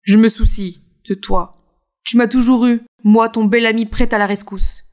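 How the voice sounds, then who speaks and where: A woman voicing a caring young male best friend in an animated story dub, speaking in a gentle, reassuring way. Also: a little high, moderate pace, lightly acted.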